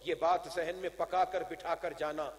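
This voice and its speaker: High-voiced man preaching in a reverberant hall. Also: level tone. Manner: dramatic swings from loud proclamation to hushed emphasis; repeats phrases rhetorically, addressing the crowd directly. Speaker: Islamic preacher. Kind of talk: impassioned sermon. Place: religious conference gathering. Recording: long reverberant hall sound.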